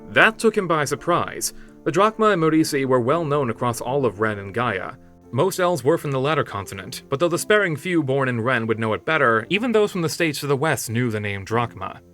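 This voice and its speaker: A man narrating a fantasy story in steady, measured storytelling. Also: mid-range voice. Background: soft background music.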